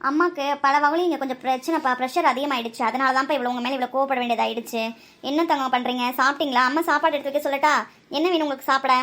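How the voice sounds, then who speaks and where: Cartoon mom, strict but doting, high and rapid-fire; woman voices her. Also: fairly even intonation, a bit bright. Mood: tender. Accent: Tamil Nadu. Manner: scolding, quick-tempered, then tender. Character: strict, loving middle-aged village mother. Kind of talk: cartoon voice acting.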